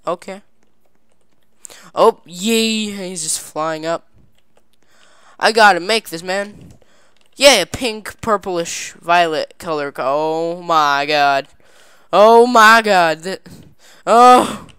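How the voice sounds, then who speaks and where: A woman giving casual gameplay commentary at her computer, goofy and chatty, breaking into excited cheers, on a desk mic. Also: fairly low pitch, slow, pauses often, clean tone, dry recording, studio quality. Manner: excited squealing "yay" cheers and laughter; playful goofy broken phrasing. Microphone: desk microphone.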